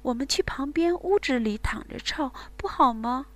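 A woman's voice: high-pitched, expressive, moderate pace, dry recording, pitched above the performer's own voice. A woman doing a breathless, pleading young lover.

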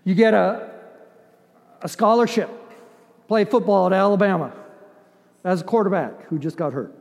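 An older preacher from an Ethiopian upbringing speaks at a moderate pace in a high, creaky voice. His sermon is emphatic yet conversational, sprinkled with rhetorical questions and dramatized asides, and rings with long hall reverb.

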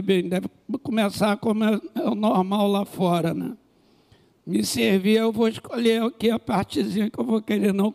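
A pastor with a Brazilian Portuguese accent tells a story during his sermon, adding animated comic asides. His voice sits high and has a gravelly texture.

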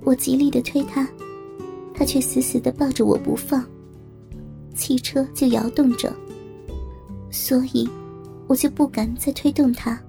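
A woman telling a first-person story in calm, steady narration. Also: high voice, unhurried, gravelly, pauses often, faint music behind.

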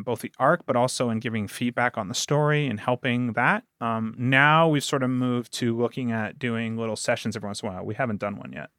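A man's voice: medium pitch, a bit bright, clear, resonant tone, no echo, clean studio sound. A man speaking as a producer and guest in a conversational podcast interview, earnest and emphatic as he explains and recounts. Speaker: audio drama producer and guest.

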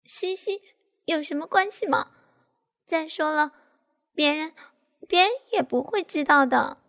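A woman's voice: high-pitched, measured pace, creaky, fairly bright tone, long reverb tail, voice pushed up, full character voice. A woman doing a coy, whiny young daughter. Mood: coaxing. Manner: coaxing, pleading whine.

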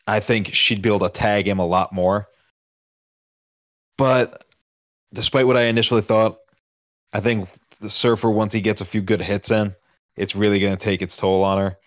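A man's voice: fairly low pitch, fairly bright tone, no room sound, lo-fi sound. A man talking casually as a podcast panelist, giving his opinions in a discussion.

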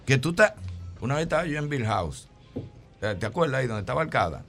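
Lively man telling a story. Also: medium pitch, fast, vocal fry, faint music behind. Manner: animated, acts out quoted lines, laughs while telling. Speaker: radio show co-host. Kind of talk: casual storytelling chat.

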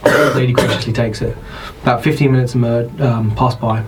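A man with a British accent, narrating as dungeon master in an unhurried, descriptive way. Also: medium pitch, steady tone, background noise. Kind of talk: narrating a tabletop game.

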